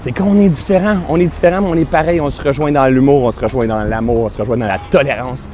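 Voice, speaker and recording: A man's voice: mid-range voice, quick pace, darkish tone, soft background music. A man with a Québécois French accent, vlogging outdoors on a city street in a playful, self-mocking, exaggerated comedic way. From Quebec. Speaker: mindfulness speaker. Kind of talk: comedic vlog to camera.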